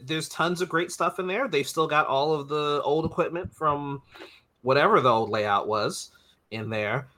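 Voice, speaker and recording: Player in a tabletop game, bright and animated, excitable. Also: mid-range voice. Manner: excitable, swooping delivery. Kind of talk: playing a character in a tabletop game.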